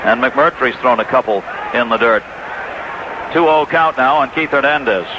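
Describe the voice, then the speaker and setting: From a ballpark broadcast booth, an American radio announcer calls live baseball play-by-play in a mid-range voice at normal speed. The audio is a dull, noisy 1980s radio broadcast.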